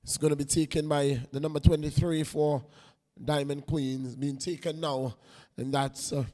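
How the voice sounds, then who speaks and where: A man giving unhurried live play-by-play commentary on a women's football match, lifting his voice when play gets close to goal. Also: fairly high pitch, little pitch movement, dark tone, big-room sound. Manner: unhurried play-by-play, rising on attacks.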